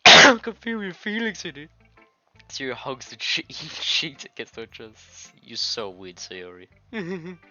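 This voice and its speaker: In a sharp, medium-pitched voice, a man reads visual novel dialogue and tosses in giggly, informal jokes. He's coughing and congested from a bad cold. His lo-fi mic sounds dull, with game music behind him.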